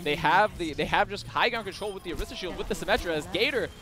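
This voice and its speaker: A man commentating an esports match play-by-play, getting excited as the action builds. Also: high voice, fast talker.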